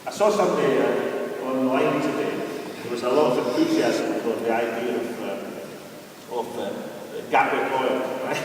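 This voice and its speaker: A man's voice: mid-range voice, measured pace, crowd noise. A man giving a wry, conversational speech to an audience, with hesitant fillers. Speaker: public speaker. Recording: echoey hall from far off.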